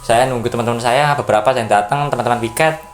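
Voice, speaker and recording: A man from Java, a podcast guest, casually telling a story in an animated way, acting out voices and sound effects. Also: medium pitch, fast talker, a little hiss or hum. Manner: animated, acts out voices and sound effects, keeps addressing the listener.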